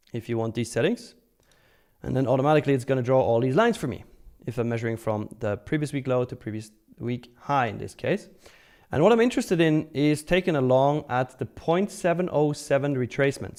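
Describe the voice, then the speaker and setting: With a darkish, medium-pitched voice, a man hosts a live stream about futures trading. He talks casually with his audience, answering questions, offering commentary, joking and swearing freely.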